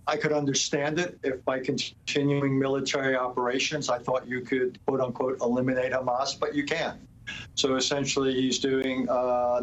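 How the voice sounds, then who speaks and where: A man's voice: mid-range voice, low-quality recording. Blunt man giving expert analysis. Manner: blunt, with halting restarts. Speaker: foreign policy expert guest. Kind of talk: interview answers.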